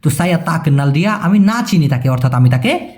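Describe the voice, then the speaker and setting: Man, casual language lesson, high voice, patient slow repetition. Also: animated, darkish tone. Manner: explains patiently, repeats phrases slowly and checks understanding. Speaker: language teacher.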